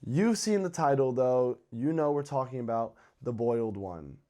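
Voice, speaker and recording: Hosting a horror video channel, a man gives casual, conversational commentary in an informal way. His mid-range voice is animated and dark in tone at a moderate pace, with guitar music playing in the background.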